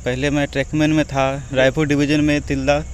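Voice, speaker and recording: A man's voice: on the high side, flat delivery, a little fast, slight background noise. A man from Bihar, a railway employee, answering interview questions hesitantly while searching for words. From Bihar, India.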